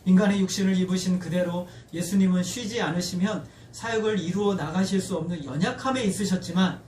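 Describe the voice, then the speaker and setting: A man's voice: high-pitched, darkish tone, echoey room, recorded from a distance, slight background noise. A man preaching a sermon as pastor, earnestly leading his congregation through scripture readings. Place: church sanctuary.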